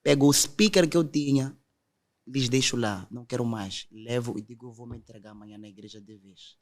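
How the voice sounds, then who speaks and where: A man's voice: mid-range voice, fairly quick. A young man, earnestly telling his conversion testimony in a podcast conversation. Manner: earnest storytelling, quotes others directly.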